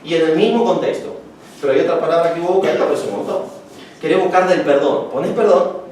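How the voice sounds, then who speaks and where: High-voiced guy lecturing preachers, jokey and chatty, mic far off in a very echoey room. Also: fast, a little mellow, a little hiss or hum. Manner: chatty, joking, acts out anecdotes. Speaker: homiletics teacher. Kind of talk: casual classroom lecture.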